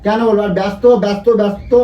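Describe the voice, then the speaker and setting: A man's voice: high-pitched, monotone, quick pace, warm tone, highs cut off. A man in a staged prank quarrel, accusing and threatening, repeating himself. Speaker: prankster husband. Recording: echoey room, distant mic.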